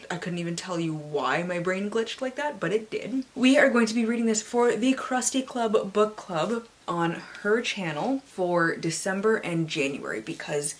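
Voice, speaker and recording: A North American woman hosts a book vlog with a playful, theatrical flair, blending casual chatter with dramatic readings and side remarks. Her voice is medium-pitched, moving at a normal speed with few pauses. A clearly audible hiss runs under the recording.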